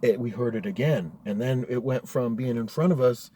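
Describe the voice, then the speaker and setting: Hosting his story-time series, this young Coloradan recounts a horror story from his own life in a laid-back, profane, slang-heavy way, addressing the audience as "dude" and "bro." He speaks in a mellow mid-range voice at a moderate pace, with a little hiss or hum in the audio.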